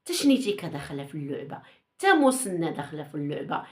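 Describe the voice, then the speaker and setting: A woman's voice: low-pitched, big pitch swings, very fast. A woman with a Moroccan Arabic accent hosting a gossip channel, talking casually and teasingly with rhetorical questions and repeated phrases.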